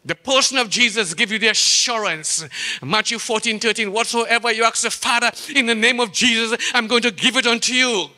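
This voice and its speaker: A man's voice: very high-pitched, brisk, bright, forceful tone. A man with a Trinidadian accent preaching a sermon in a church, asking rhetorical questions and stretching out key phrases for emphasis. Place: church sanctuary. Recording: long church-hall reverb.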